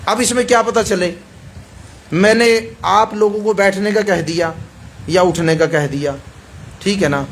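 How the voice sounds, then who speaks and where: High-voiced male preacher, emphatic. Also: long pauses, slight background noise. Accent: Pakistani Urdu. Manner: emphatic, repeats phrases and asks the audience for agreement. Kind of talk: weekly hadith sermon.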